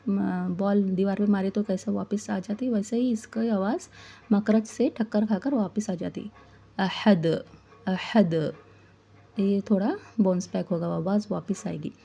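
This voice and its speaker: A woman's voice: medium pitch, gravelly, mellow, breathy edge, lo-fi sound. A woman teaching Quran recitation rules, who asks her listeners questions and then answers them herself, explaining patiently. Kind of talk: tajweed lesson.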